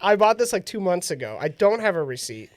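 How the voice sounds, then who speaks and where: Brisk and very animated, a man whose voice sits high chats on his radio talk show with no echo. He sounds nasal after being sick and keeps laughing as he tells a casual story.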